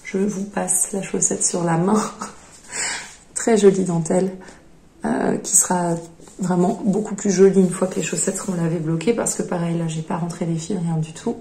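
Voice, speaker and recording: Her voice runs low and dark, fairly even in intonation, at a moderate pace. She hosts a knitting podcast, chatting loosely as she displays her projects, with many fillers and hesitations, and the room echoes.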